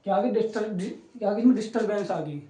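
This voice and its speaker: A young male teacher gives an online coaching lecture in a mellow, dark-toned voice. He talks in a loose, chatty way and keeps checking in with his students. The sound is roomy, and he stands back from the mic. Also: sits high, racing, far from the mic. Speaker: polytechnic physics teacher. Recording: roomy echo, voice away from the mic.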